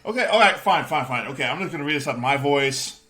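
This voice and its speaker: A man co-hosting a comedy reaction show, goofy and joking, loud at times. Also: on the high side, lively intonation, quick pace. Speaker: co-host. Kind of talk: comedic banter podcast.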